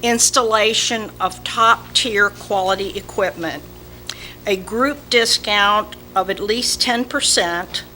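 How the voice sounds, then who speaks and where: A woman with a slow Southern drawl, reading a prepared announcement as a community volunteer at a public meeting. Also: mid-range voice, bright, forceful tone. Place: indoor village board meeting. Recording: noisy public meeting room recording.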